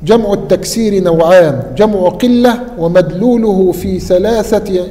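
High, mellow-voiced male student reader. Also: long reverb tail. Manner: recites slowly, answers briefly. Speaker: student reading the text. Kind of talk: reading a classical text aloud.

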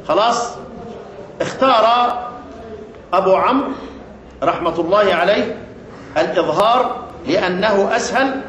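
A man's voice: sits high, lo-fi sound. A man with an Egyptian accent teaching a class on recitation rules, often asking the class questions and repeating key words. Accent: Egyptian Arabic. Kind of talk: classroom lesson explaining a poem on tajweed rules. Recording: echoey room with faint noise.

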